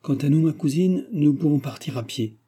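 A man's voice: a little high, expressive, moderate pace, warm tone, slightly rough, pitched above the performer's own voice. A man voicing a shy, humble provincial man who speaks timidly in a storybook reading.

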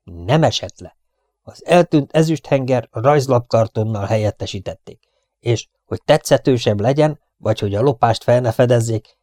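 A man voicing a whiny, tearful male gangster in a storybook reading, with a high, whimpering voice. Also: a little mellow, no echo, studio quality, lightly acted.

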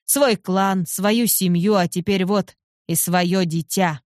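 A woman's voice: lowish voice, steady tone, takes it slowly, darkish tone, no echo, clean studio sound. A woman reading a cruel, taunting bound man. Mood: scornful. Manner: mocking, cruel, contemptuous.

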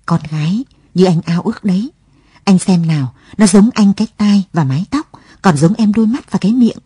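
A woman's voice: mid-range voice, brisk, dark tone, breathy edge, no echo. A woman voicing a bewildered, tearful young mother searching for her husband, in a read-aloud story. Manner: pleading, tearful.

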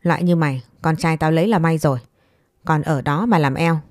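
A woman's voice: deep voice, brisk, darkish tone, no room sound, clean studio sound, lightly acted. A woman voicing a harsh, scolding elderly mother-in-law who talks down with contempt.

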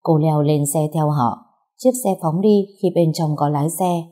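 A woman narrating a dramatic story in a steady, measured way. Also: deep voice.

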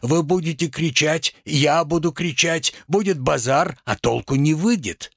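A man's voice: fairly high pitch, a little slow, vocal fry, a bit bright, dry recording, studio quality, heavily acted. A man reading a play aloud, voicing a shrewd, stubborn merchant who talks with sly, homespun deference.

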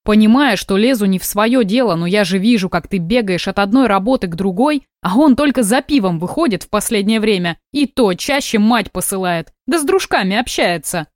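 A blunt, caring old caretaker, read by a woman in an audiobook. He talks plainly and with worry, at a middling pitch. The sound is dry and close. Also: animated, brisk, few pauses, no room sound, lightly acted. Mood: concerned. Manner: blunt, worried. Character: gruff older male caretaker, blunt but caring.

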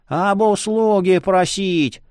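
A man voicing a jovial, wheedling old male librarian with a creaky, cackling voice. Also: sits high, takes it slowly, a little mellow, no room sound, clean studio sound, pitched above the performer's own voice.

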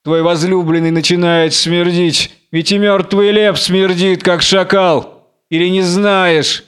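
A blind biblical strongman in a fury, as a male reader puts him on, flinging exalted taunts into the dark. His voice rides high and ringing, smooth and resonant. The delivery is wildly theatrical, like an old audiobook drama. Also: fairly even intonation, takes it slowly. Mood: exalted taunting. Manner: wild, exalted, taunting declamation. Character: blind raging biblical strongman Samson, man.

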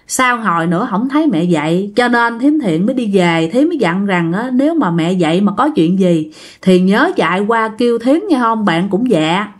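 A woman casually telling a ghost story, chatting directly to her listeners. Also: mid-range voice.

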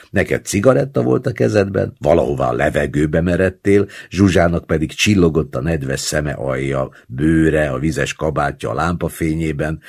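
A man's voice: rumbling low, vocal fry, slightly rough, exaggerated voice. A man reading a blunt, mocking male schemer. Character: cynical talkative male friend, a schemer. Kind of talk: audiobook reading.

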